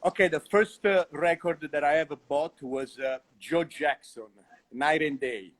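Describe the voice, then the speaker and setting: Guest, Italian-accented man, slightly high voice, excitable, curses casually. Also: measured pace. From Italy. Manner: enthusiastic, swears freely. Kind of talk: casual interview.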